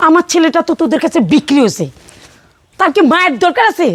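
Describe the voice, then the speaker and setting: A woman playing an elderly, combative mother-in-law who shouts accusations. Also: very high-pitched, animated, quick pace, no room sound. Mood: furious. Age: older. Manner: shouting, accusing, repetitive demands. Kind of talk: melodramatic family drama acting.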